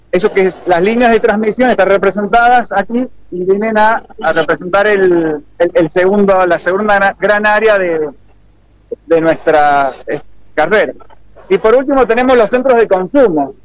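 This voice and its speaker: Hombre explicando con titubeos. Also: male voice, high-pitched, moderate pace, poor audio. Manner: hesitant, searching for words. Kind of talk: explaining a display.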